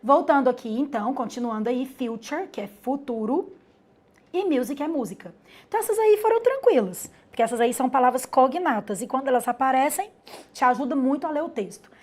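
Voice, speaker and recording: A Brazilian woman with a slightly high voice teaches a live webinar lesson. She talks in a chatty, explaining way, calls herself "the teacher", and keeps checking in with "né?" as she walks through her points. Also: lively intonation, a little fast, darkish tone. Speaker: English teacher.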